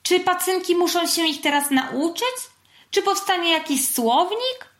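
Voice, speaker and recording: A woman voicing an anxious female puppet in a storybook reading, high and fretful. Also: animated, unhurried, fairly bright tone, reverberant, heavily acted. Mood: worried.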